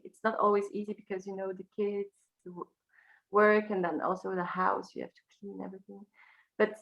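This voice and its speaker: Her English is halting, and she often hunts for words: a native French speaker from Brussels with a Belgian French accent, a singer and teacher chatting casually as an interview guest. The medium-pitched voice is gravelly and fairly bright, captured with lo-fi sound.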